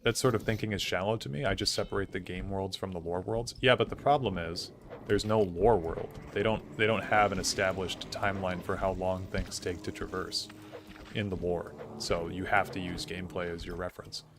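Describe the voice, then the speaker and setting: A man's voice: deep voice, steady tone, normal speed, background noise. A young man streaming a game live, chatting casually and thinking aloud with lots of "like" fillers as he answers chat. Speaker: gaming streamer.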